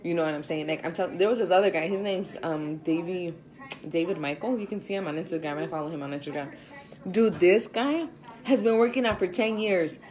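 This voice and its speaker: Chatty, slangy woman with a lowish voice. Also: brisk, darkish tone, rough recording. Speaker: fitness instructor and realtor. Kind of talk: casual chat vlog.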